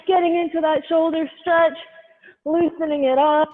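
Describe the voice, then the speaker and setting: A woman's voice: very high voice, flat delivery, moderate pace. A woman leading a live workout class over a headphone mic, cueing each movement step by step in a directive way. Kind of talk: live group exercise instruction. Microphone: headphone microphone. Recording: muffled lo-fi headset sound, long reverb.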